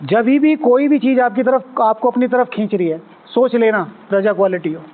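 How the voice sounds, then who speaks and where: A man with a high, light voice leads a spiritual class, speaking conversationally and checking in with his listeners. He acts out small everyday scenes to make his points. The sound is thin and tinny, like a phone line. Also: moderate pace. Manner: conversational, asks the audience, acts out little quoted scenes. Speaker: spiritual teacher.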